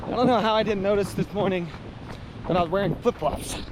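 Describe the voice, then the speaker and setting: A high-voiced man talks excitedly to the camera while out on a river trip, his words cutting through loud rushing water and wind. He sounds stoked and casual, with an easy vlogger's energy. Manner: excited, hyped, shouting whoops. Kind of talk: casual outdoor vlog narration. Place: outdoors by a river and snowy road.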